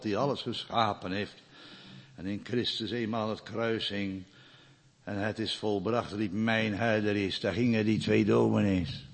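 A man preaching a sermon, growing loud and emphatic when he recites scripture and dropping to quiet storytelling asides. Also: medium pitch, gravelly, long reverb tail.

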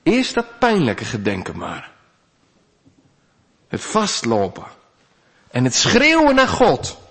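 A man preaching a sermon, earnest, rising to loud pleas and dropping to quiet asides. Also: medium pitch, huge pitch swings, slow pace, gravelly, breathy edge. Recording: long church reverb.

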